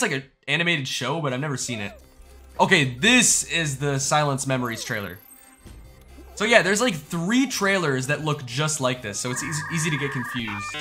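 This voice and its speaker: A young man reacts casually as a gaming YouTuber, his voice pitched a little high. He's informal and full of slang, thinking out loud as he goes.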